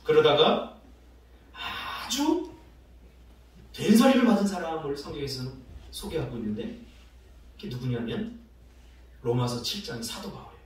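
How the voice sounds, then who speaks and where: Man, middle-aged, pastor, sermon, lively swooping delivery, acts out voices, heavy church-hall echo, distant mic. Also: a little high, normal speed, pauses often. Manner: animated storytelling, acting out quoted voices, laughing often. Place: church sanctuary. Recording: very echoey church hall from far off, faint noise.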